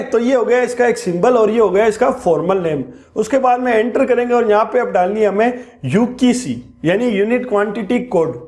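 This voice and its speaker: A man with a high voice teaches accounting software in a screen-recorded tutorial. He explains each step patiently and slows down to spell out key terms.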